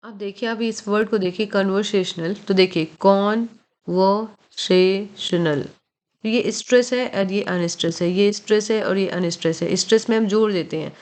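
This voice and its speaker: A woman's voice: medium pitch, fairly even intonation, a little mellow. Patient woman teaching pronunciation. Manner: slow, careful spelling-out of words, frequent "thik hai" check-ins. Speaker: English teacher. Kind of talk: explaining a textbook in Hindi mixed with English.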